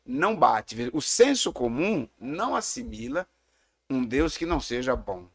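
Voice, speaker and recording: A middle-aged Brazilian man with a gravelly, slightly fried voice talks through questions of faith in an unhurried, reflective way. He speaks at an ordinary mid pitch and often stops to tell a story. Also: very animated, crowd noise. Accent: Brazilian Portuguese. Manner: reflective, explanatory, tells stories. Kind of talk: casual theological discussion.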